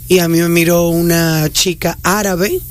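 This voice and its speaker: A man hosting a radio talk show who cuts in with quick questions and playful asides. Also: on the high side, fairly even intonation, smooth.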